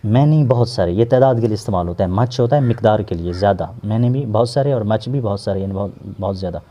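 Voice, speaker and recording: A man with a Pakistani accent, working as an English teacher and explaining a textbook lesson slowly, word by word, repeating terms to drill pronunciation. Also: on the low side, mellow, lo-fi sound, slight background noise. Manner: slow word-by-word translating, repeats words for pronunciation.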